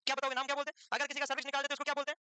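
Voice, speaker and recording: Fast high-voiced teacher scolding his class. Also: completely flat delivery, bright, forceful tone, dry recording. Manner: brisk, scolding, teasing joker. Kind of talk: classroom lecture.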